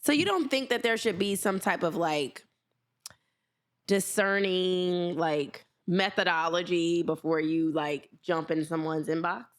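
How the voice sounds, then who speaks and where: A woman with a slightly low voice co-hosting a podcast in relaxed casual chat. She speaks her opinions frankly and sometimes acts out what other people say. Her voice comes across clearly on a podcast mic. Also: a little slow. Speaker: podcast co-host.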